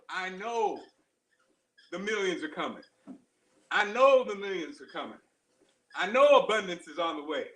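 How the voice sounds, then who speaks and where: A man's voice: very high voice, pushed and bright. A man giving a casual motivational livestream chat while running on a treadmill, speaking in short, exerted, emphatic phrases and repeating them for stress. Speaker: show host. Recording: roomy, echoing live-stream sound.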